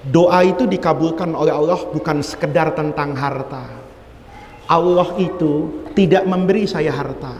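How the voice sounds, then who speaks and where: Lively high-voiced preacher man, echoey mosque hall. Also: slight background noise. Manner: animated storytelling, acting out quoted voices. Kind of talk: sermon.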